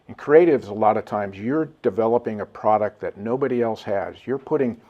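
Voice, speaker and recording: A man's voice: on the low side, a little fast. Earnest man telling a story, lo-fi sound. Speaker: guest. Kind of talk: casual storytelling.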